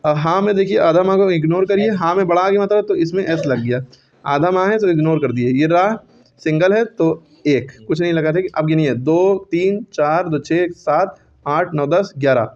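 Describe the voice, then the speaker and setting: A man's voice: fairly high pitch, normal speed, a little mellow, highs cut off. Man teaching, counting syllables aloud. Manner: counts syllables aloud, checks and corrects himself. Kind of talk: classroom lesson on Hindi verse meter.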